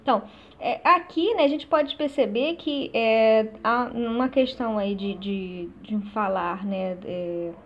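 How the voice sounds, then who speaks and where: Woman teacher, fairly high voice, slow and halting; dull lo-fi recording. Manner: slow, with many "né?" tag questions and hesitations. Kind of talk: recorded class lesson.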